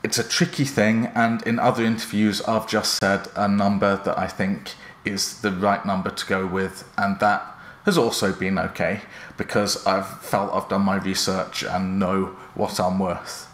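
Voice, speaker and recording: A man presenting instructional career advice in a measured, earnest, explanatory manner. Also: low-pitched, level tone, fairly bright tone. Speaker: presenter giving job interview advice. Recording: roomy echo around the voice.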